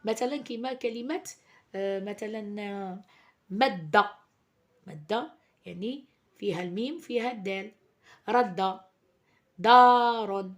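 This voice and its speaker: Woman, teacher explaining early reading lessons, halting and explanatory. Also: medium pitch, darkish tone. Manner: explanatory, many fillers and restarts.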